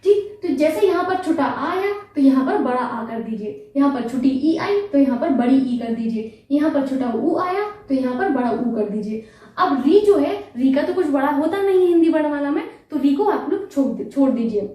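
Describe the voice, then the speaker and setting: A woman with a high, lively voice and a warm tone teaches a Hindi grammar lesson for exam prep at a moderate pace. She poses questions to her students, answers them herself, and patiently repeats key terms. The room is echoey and she's well away from the mic.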